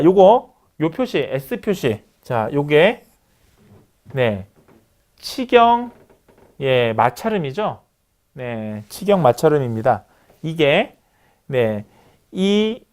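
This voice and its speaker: A man's voice: fairly high pitch, a little mellow. A middle-aged male lecturer explaining step by step while writing on screen, with many filler words. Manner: writes on screen while talking. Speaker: university lecturer. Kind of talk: recorded online lecture.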